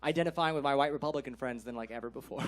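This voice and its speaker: A Californian man with an American accent and a medium-pitched voice does a stand-up set, talking rapid-fire in a casual, slangy way and laughing often.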